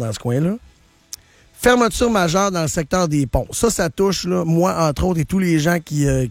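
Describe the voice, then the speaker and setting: A man's voice: a little high, dry recording. A man with a Quebec French accent, hosting a radio show and commenting on traffic news in a casual, opinionated way with lots of fillers and restarts. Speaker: radio host.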